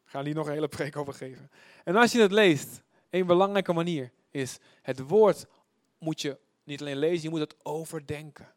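This sermon comes from a pastor whose slightly high voice shifts from loud outbursts to quiet, stretched-out phrases, with words repeated for emphasis. The studio-quality recording has no room sound.

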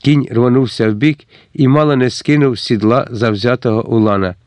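A man reading a historical novel aloud as an audiobook narrator, in a steady, measured storytelling manner. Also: mid-range voice, no echo.

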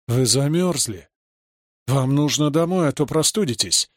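A man's voice: medium pitch, lively intonation, unhurried, dry recording, studio quality. A man reading aloud and voicing a panicking husband who puts on a false cheerfulness. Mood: false cheer. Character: panicking husband faking calm.

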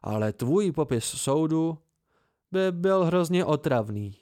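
A man voicing a weary, soft-spoken innkeeper in an amateur audiobook, with a raised, plaintive delivery. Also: fairly high pitch, expressive, dry recording, studio quality, pitched above the performer's own voice, close to an everyday voice.

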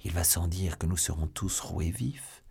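A man reading an audiobook, voicing an eager, bold young swordsman with a lively delivery. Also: deep voice, measured pace, gravelly, slightly rough, full character voice.

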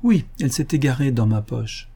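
Un cambrioleur gentleman, raffiné et moqueur, lu par un homme, dans un livre audio. Il parle avec ironie et une assurance tranquille, d'une voix douce et un peu voilée. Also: medium pitch, lively intonation, normal speed, gravelly, slightly rough. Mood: teasing. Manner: ironic, playful and self-assured. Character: suave, mocking male gentleman burglar.

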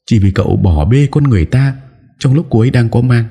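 A shifty middle-aged gangster woman, as a male reader puts her on, her voice dark and husky. She stammers and wheedles, sly but easily scared. An audiobook character voice, pitched above the reader's own. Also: expressive, a little fast. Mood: defiant. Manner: stammering, pleading.

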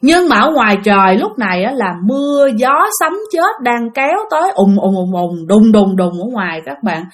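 A woman's voice: a little high, lively intonation, moderate pace, few pauses. A woman with a Southern Vietnamese accent telling a ghost story in a chatty way, speaking directly to her listeners. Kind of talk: spoken ghost story narration.

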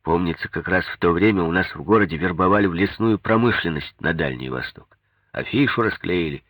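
A man's voice: low voice, a little fast, fairly bright tone, no room sound. A man narrating an audiobook in the first person, subdued and brooding.

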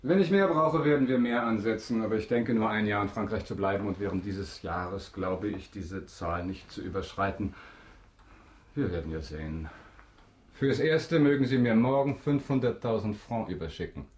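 An actor playing a wealthy, imperious count with polished, mocking irony in a German radio drama. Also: male voice, fairly low pitch, moderate pace, lightly acted. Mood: commanding. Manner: polished, ironic, haughty formal speech.

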